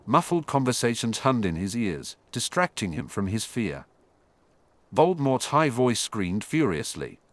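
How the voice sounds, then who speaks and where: A man narrating an audiobook in an expressive storytelling manner. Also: lowish voice, dry recording.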